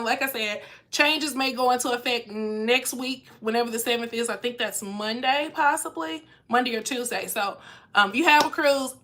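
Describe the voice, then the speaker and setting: Woman, young adult, nasal from a cold, casual live-stream chat, bright tone. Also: fairly high pitch. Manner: chatty, reads out viewer comments. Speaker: travel agent and cruise vlogger.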